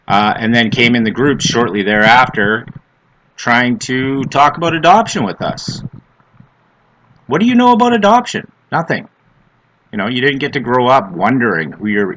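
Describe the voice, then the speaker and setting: Blunt man with a bright smoker's rasp. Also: fairly low pitch, poor audio. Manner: blunt, emphatic, repeats phrases for emphasis. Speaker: vlogger on adoptee issues. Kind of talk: opinionated off-the-cuff monologue.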